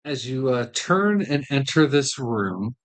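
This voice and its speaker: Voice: mid-range voice, big pitch swings, slow pace. A game master narrating a tabletop role-playing game, describing scenes and putting choices to the players. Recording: livestream group game session.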